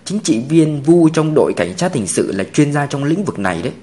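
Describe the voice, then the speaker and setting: A man voicing a calm male police officer who explains things in a measured way. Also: fairly high pitch.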